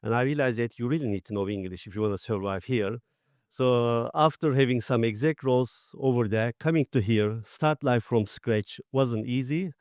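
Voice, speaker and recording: A man's voice: medium pitch, moderate pace, darkish tone, no room sound, studio quality. Turkish-accented man speaking on a panel. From Turkey. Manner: plain, slightly broken English. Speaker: panel guest, former IT executive. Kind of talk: conference panel talk.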